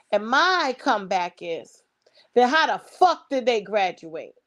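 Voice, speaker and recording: A woman with a Brooklyn accent giving opinionated commentary, speaking emphatically and informally. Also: a little high. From Brooklyn, New York. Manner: emphatic, rhetorical questions, swearing.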